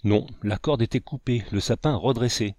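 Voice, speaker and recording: A man's voice: medium pitch, normal speed, darkish tone, no room sound, clean studio sound, natural voice. A man voicing a big, dutiful young frontier son who speaks respectfully to his father in a storybook reading. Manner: respectful, eager to explain.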